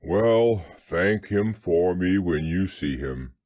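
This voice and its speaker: A man voicing a gloomy, resigned old male donkey in a storybook reading, talking in a slow, sighing, mournful drawl. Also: deep voice, expressive, a little mellow, slightly rough, dry recording, pitched below the performer's own voice, full character voice. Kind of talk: storybook character voice.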